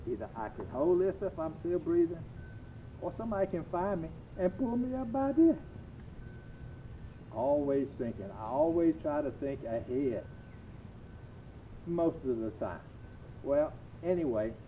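An older man with a Cajun accent gives a folksy, humorous demonstration to camera, speaking deliberately in short phrases with drawn-out emphasis. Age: older, 60s-70s. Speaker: coach presenting a home video. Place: waterside backyard dock, outdoors. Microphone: camera a few metres away. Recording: tinny narrow-band outdoor audio, rumbling noise.

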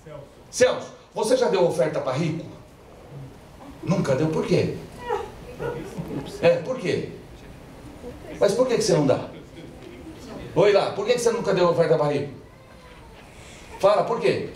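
A man's voice: high voice, animated, unhurried, long pauses, a little mellow. A male pastor, preaching a call-and-response sermon and mixing in jokes while he gets the congregation to repeat after him. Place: large church hall with congregation. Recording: echoey church hall, from far off, crowd audible.

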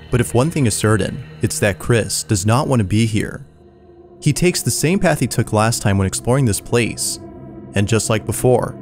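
Male narrator, low voice, measured suspenseful voice-over, faint music underneath. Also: darkish tone. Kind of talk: scripted narration.

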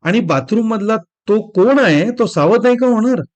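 A man reading a short story aloud in an expressive storytelling style. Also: sits high, normal speed. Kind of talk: scripted narration.

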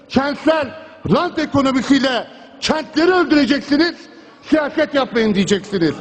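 With an extremely high-pitched voice, a member of parliament delivers impassioned oratory at the rostrum microphone, pounding a repeated refrain and pushing on through interruptions. The large chamber gives the recording a long hall reverb.

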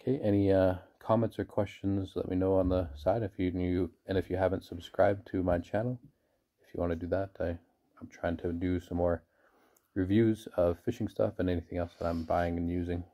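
A man's voice: low-pitched, little pitch movement, brisk, warm tone. A man casually reviewing fly fishing hooks into his phone, hesitant and full of ums and uhs. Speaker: product reviewer. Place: mostly indoors, one clip outdoors by a river.

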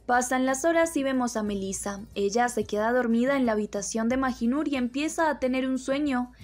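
Woman, slightly high voice, even scripted narration, soft music underneath. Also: fairly quick. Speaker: episode recap narrator.

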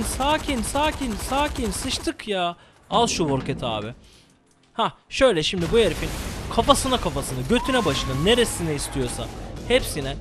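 A young man commenting live on his own gameplay, excitable and swearing, yelling at the game. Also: high voice. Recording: game music behind the voice. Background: game music and gunfire.

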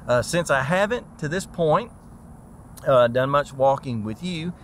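A man's voice: a little high, lively intonation, a little slow, fairly bright tone, a little hiss or hum. A man hosting a casual walk-and-talk vlog outdoors in a park, an easygoing, rambling talker with plenty of fillers who shares his own story as a transplant recipient.

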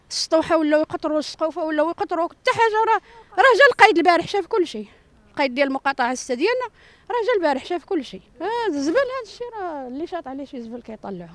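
A woman's voice: sits high, dry recording. An older woman with a Moroccan accent, giving a distressed, repetitive plea in a street interview into a handheld microphone. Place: outdoor rubble-strewn yard. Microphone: handheld reporter microphone.

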